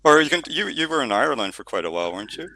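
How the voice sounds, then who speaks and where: In this clip, a middle-aged novelist guest chats about his book, stumbling over fillers and restarts, then reads an excerpt aloud. His mid-range voice is sing-song, very fast, gravelly, bright and forceful, with slight background noise.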